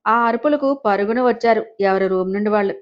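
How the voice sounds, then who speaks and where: A woman narrating a scripted audio story in an expressive way. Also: medium pitch, quick pace, highs cut off.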